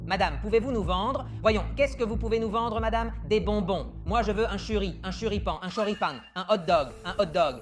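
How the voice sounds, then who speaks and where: A man's voice: high-pitched, normal speed, hardly any pauses, soft background music. A man playing a horror video game with his father, giving bossy, joking directions in a let's-play. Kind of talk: excited let's play chatter.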